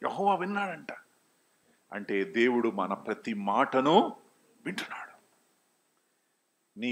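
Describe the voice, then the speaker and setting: Man preaching with call-and-response. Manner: preaching with call-and-response questions, mixing in English phrases; swings from loud high exclamations to low quiet asides. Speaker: pastor. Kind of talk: sermon.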